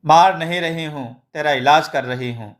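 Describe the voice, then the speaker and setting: A man's voice: on the high side, normal speed, natural voice. A man voicing a patient village mother who pleads and apologizes for her son. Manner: pleading and soothing.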